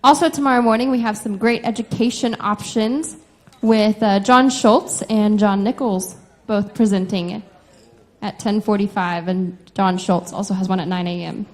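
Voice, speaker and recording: A woman's voice: mid-range voice, fairly even intonation, moderate pace. A woman making announcements as the announcer of an event.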